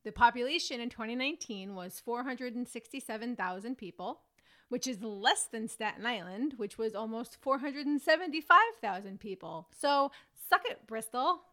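A woman's voice: a little high, animated, moderate pace, bright, forceful tone. A woman co-hosting a podcast in a casual, conversational style. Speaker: podcast co-host.

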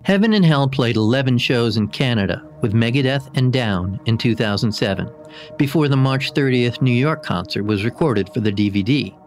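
A man's voice: medium pitch, animated, normal speed. Man narrating over a music bed. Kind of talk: scripted documentary narration.

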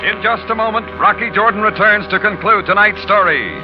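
An American man announcing and pitching a sponsor in the style of mid-century radio. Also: fairly quick, over loud music. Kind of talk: 1940s-50s radio announcing and sponsor advertisement. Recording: muffled old radio broadcast.

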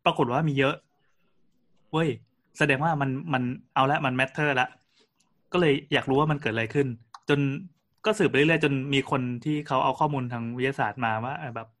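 A man's voice: mid-range voice, a little fast, a bit bright. A man co-hosting a podcast, telling a story in casual chat with frequent restarts and fillers. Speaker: podcast co-host.

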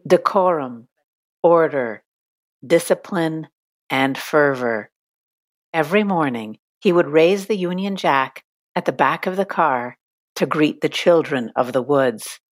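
Very low-voiced female narrator. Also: animated. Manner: measured, deliberate phrasing. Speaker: documentary narrator. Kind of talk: scripted voice-over narration.

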